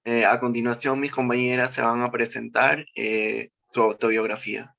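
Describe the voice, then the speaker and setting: A man's voice: mid-range voice, little pitch movement, moderate pace, vocal fry, sharp tone. A 21-year-old man giving a class presentation, walking through slides with frequent "eh" and "este" fillers. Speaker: student presenter.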